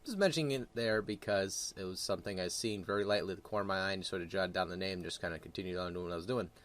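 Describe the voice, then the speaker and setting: A man's voice: low voice, rapid-fire, fairly bright tone. A man giving casual, opinionated gaming commentary in a crude, blunt, rambling way, often correcting himself. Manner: rambling, self-correcting delivery.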